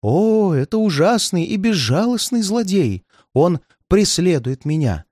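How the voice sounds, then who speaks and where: A man's voice: high voice, sing-song, measured pace, a little mellow, no echo, clean studio sound, voice pushed up, exaggerated voice. A man voicing a frightened, paranoid old man who pleads in a shaky, tearful voice. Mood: frantic, fearful. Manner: frantic outbursts, near tears.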